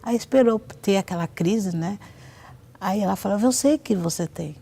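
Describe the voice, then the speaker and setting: A woman's voice: mid-range voice, normal speed, creaky, dark tone. A woman with a Brazilian Portuguese accent giving a personal testimony in a TV interview, telling her story and acting out the voices of others in it.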